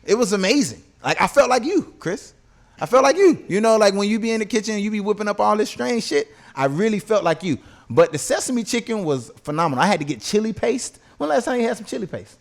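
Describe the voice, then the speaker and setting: A man's voice: high-pitched, sing-song, quick pace, creaky. A man hosting a podcast, telling stories in casual, profane slang and often checking that listeners follow. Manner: slangy, profane, repeatedly checks with "you know what I'm saying". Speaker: podcast host.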